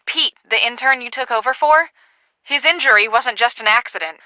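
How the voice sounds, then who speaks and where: An earnest woman who runs a storm-chasing crew in a video game. Her voice is fairly high and very bright, with a brisk, businesslike delivery that takes charge. The sound is close and dry. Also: no echo, dull audio. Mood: regretful. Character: Debbie, earnest take-charge woman project manager of storm chasers. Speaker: storm-chasing team project manager.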